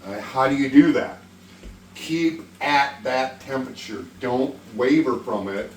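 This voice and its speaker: A man's voice: medium pitch, animated, a little slow. A man hosting a casual cooking demonstration in a folksy, joking way, with some swearing. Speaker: cooking show host. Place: indoor kitchen. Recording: roomy, distant mic, faint kitchen noise.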